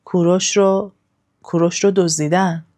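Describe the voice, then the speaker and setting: Woman voicing a shamed, halting commander. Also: on the low side, fairly even intonation, mellow, natural voice. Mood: ashamed. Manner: hesitant, halting, subdued. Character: ashamed, fearful male royal commander.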